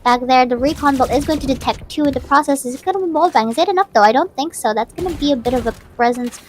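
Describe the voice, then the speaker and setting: A woman shoutcasting a live esports match, giving quick, animated play-by-play calls with frequent restarts. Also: high-pitched, a little hiss or hum. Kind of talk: live play-by-play game commentary.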